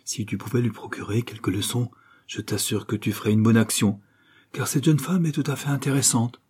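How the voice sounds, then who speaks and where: A man reading aloud who voices an affectionate young girl, gentle and pleading in a storybook. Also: mid-range voice, fairly even intonation, brisk, breathy edge, lightly acted. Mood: earnest.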